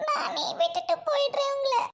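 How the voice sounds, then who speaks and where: A woman's voice: very high-pitched, big pitch swings, a little fast, very noisy. A woman voicing a young woman doctor who pleads and insists, in an amateur audio drama. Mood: insistent.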